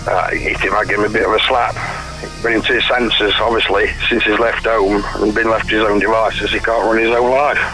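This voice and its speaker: A man's voice: on the low side, flat delivery, a little fast, bright, forceful tone, soft background music, poor audio. A middle-aged man, argumentative and defensive as he speaks on a radio phone-in. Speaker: person phoned by a radio show.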